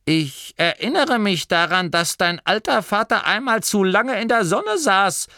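A bossy old gnome grandmother snaps and scolds in a high, sharp voice, as a male audiobook narrator puts her on. The sound is dry and close. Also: sing-song, measured pace, dry recording, exaggerated voice. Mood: muttering.

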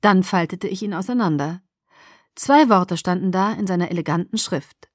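A woman reading a first-person story aloud as an audiobook narrator, with even, measured storytelling. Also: on the low side, no room sound, clean studio sound.

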